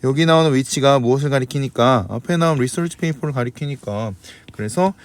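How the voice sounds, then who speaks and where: A man's voice: mid-range voice, moderate pace, no room sound. A man teaching English grammar in a recorded lecture, asking questions and answering them himself, switching between polite and casual speech. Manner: asks and answers his own questions.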